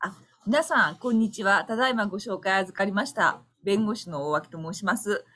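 A woman's voice: mid-range voice, normal speed, fairly bright tone. A woman who is a lawyer and association president, giving a formal, earnest opening address with occasional fillers at an online seminar. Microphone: online webinar audio.

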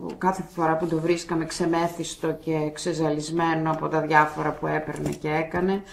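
A middle-aged woman with a lowish voice gives her personal testimony. She speaks in a measured way, pausing and restarting as she goes, and faint noise sits under her voice. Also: level tone, gravelly. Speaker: guest giving a faith testimony.

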